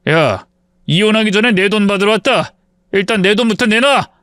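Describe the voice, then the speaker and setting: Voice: mid-range voice, normal speed, a bit bright, no echo, clean studio sound, close to an everyday voice. A man reading the part of a greedy husband who demands money and later stammers apologies. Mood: demanding.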